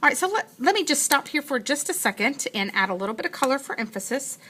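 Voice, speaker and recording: Bright-voiced woman teaching a science lesson. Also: high-pitched, sing-song, quick pace. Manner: patient, explanatory, thinks aloud while writing. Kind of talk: classroom lecture.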